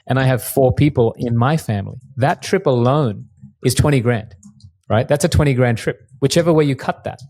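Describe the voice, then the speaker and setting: A man, a guest mortgage broker chatting casually in an interview and telling relaxed stories with frequent restarts. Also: medium pitch, brisk, no echo, studio quality. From Australia.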